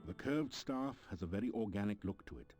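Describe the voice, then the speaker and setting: An actor narrating a computer adventure game in an even, descriptive manner, with game music behind him. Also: male voice, on the low side, brisk, natural voice.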